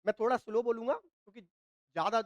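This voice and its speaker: This is a Hindi-accented man teaching chemistry at a board, his voice extremely high and fairly quick, with no room sound. A dry throat makes him cough. He repeats points, questions his students and answers for them, and checks in constantly with "ठीक है ना".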